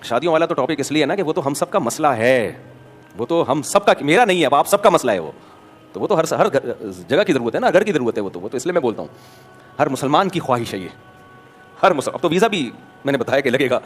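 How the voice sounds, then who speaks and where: A man's voice: medium pitch, faint music behind. A man from Pakistan, a mufti, giving a conversational sermon full of anecdotes, acting out dialogues and asking rhetorical questions. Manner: animated storyteller, acts out dialogues, rhetorical questions. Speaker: mufti, religious scholar.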